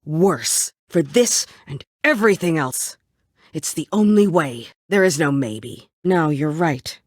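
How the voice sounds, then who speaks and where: An actress with a low voice speaks slowly but with lively intonation, heavily acting a vengeance-driven survivor in a story video game. The woman she plays is bitter and world-weary, brooding, curt and dryly sardonic, and there's no room sound.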